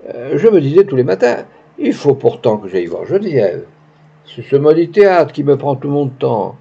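A man's voice: on the high side, dark tone, breathy edge, heavily acted. A man reading the lines of a young actress with pompous, gushing phrasing, in a dull lo-fi recording. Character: young woman, pretentious theatrical actress.

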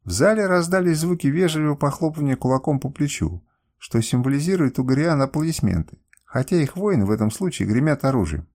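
A man narrating an audiobook in the first person with a measured, expressive reading. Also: a little high.

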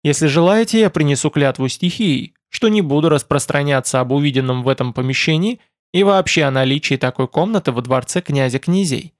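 A male reader voicing a bold, quick-witted young woman mage, in a slightly raised and lively voice. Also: on the high side, no echo, studio quality, lightly acted. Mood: soothing.

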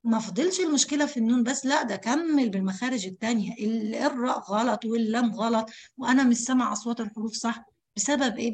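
A woman's voice: a little high, a little hiss or hum. A woman with an Egyptian accent teaching Quran recitation, who speaks straight to her female students and repeats syllables to show how each sound is made. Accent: Egyptian Arabic. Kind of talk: tajweed lesson explaining letter articulation.

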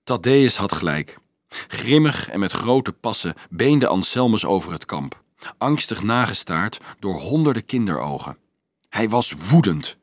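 A man narrating a novel aloud in a measured storytelling manner. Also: on the low side, no echo, studio quality. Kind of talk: audiobook narration.

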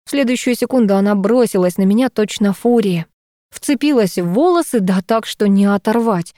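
A woman narrating a first-person audiobook in a lively, expressive way. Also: medium pitch, normal speed, no room sound, clean studio sound.

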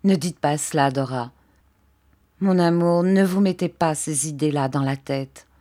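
Woman reading a soft-spoken young husband, worried and loving, low and slow in an audiobook. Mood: tender. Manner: low, hushed and tender. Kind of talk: audiobook character voice.

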